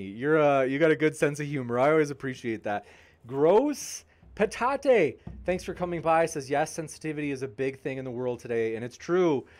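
A man hosting a debate channel's live stream, reading viewer comments aloud and joking with the chat in an upbeat way. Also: medium pitch. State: tiring, pausing to drink.

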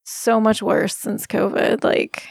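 A woman's voice: mid-range voice, level tone, slow pace, vocal fry, husky, no room sound, clean studio sound. A middle-aged woman co-hosting a podcast from her bedroom, talking earnestly and rambling with many "like" fillers. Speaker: podcast co-host. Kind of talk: casual chat. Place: bedroom at home.

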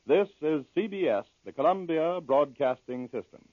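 A man announcing in the formal, measured style of a 1940s network radio broadcast, heard as an old-time radio recording. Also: a little high, animated, no echo, narrow, tinny audio. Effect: old-time radio broadcast sound.

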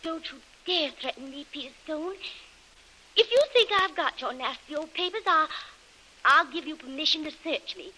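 A scheming fake Southern belle. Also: female voice, high-pitched, animated, moderate pace, bright, forceful tone, slight background noise, rough recording. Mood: indignant. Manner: put-on Southern belle drawl. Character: scheming young woman feigning innocence. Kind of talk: 1930s radio drama acting.

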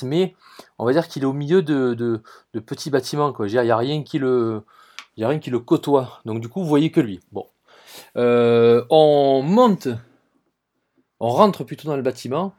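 A man's voice: mid-range voice, darkish tone. A podcast host with a Marseille accent who tells travel stories enthusiastically, repeats words and restarts his sentences, and talks straight to his listeners. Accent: Marseille French. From southern France. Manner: enthusiastic, addresses listeners directly. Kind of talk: travel storytelling.

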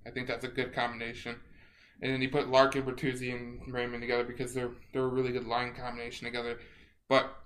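A man co-hosting a casual sports podcast, halting and repeating words as he thinks aloud. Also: medium pitch, fairly bright tone. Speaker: podcast co-host.

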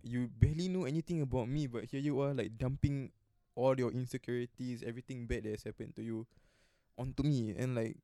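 A man's voice: medium pitch, steady tone, fairly quick, dark tone, no room sound. A young man with a Singaporean accent talking casually in Singlish as a podcast co-host. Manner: colloquial Singlish with lah and sia particles. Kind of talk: casual chat.

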